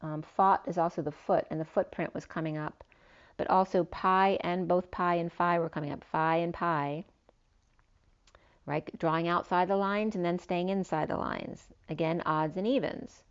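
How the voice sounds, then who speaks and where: Lowish, steady and smooth, a woman speaks at normal speed while doing a spiritual tarot reading, rambling through long runs of cards with filler words. Her voice is fading slightly and worn, and the audio is dull and lo-fi.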